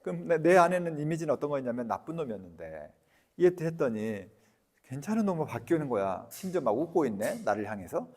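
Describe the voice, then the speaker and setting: A man giving a lecture, lively and talkative, who keeps quizzing his audience with questions. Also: fairly high pitch, quick pace, in a large hall.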